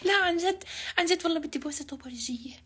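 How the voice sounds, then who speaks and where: A man's voice: very high voice, very fast, bright, forceful tone. A man doing a woman's voice as a coy, coaxing young woman on a prank call, with a Levantine Arabic accent. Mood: playful coaxing.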